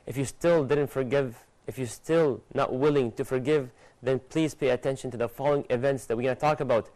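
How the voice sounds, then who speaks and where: A young man with a mid-range voice gives a religious lesson on TV to studio guests, gesturing animatedly and reciting Arabic verses at a quick pace. He's on a lapel mic in a studio, and the recording is rough.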